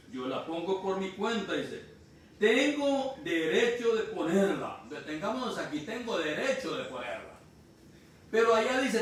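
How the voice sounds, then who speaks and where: Honduran-born guy preaching, slow and repetitive, recorded from far off in a really echoey room, faint hiss. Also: high-pitched, fairly bright tone. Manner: explains slowly, repeats key phrases. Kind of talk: sermon. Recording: distant mic in echoey room, faint noise.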